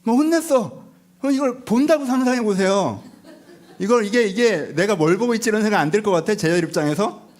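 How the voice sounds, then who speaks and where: A male pastor giving a lively, conversational sermon, telling the story with rhetorical questions and acting out the people in it. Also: high voice, fairly quick. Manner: animated storytelling, acts out disciples and Jesus, rhetorical questions. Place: church sanctuary.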